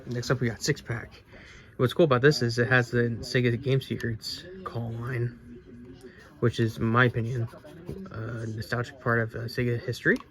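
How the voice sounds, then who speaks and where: A man hosts a casual retro game haul video at an ordinary middle pitch. He rambles, stumbles and restarts his sentences. His voice sounds a little stuffy from allergies. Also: little pitch movement, normal speed, a bit bright. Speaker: game collecting channel host. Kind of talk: casual haul video, reading game back covers aloud.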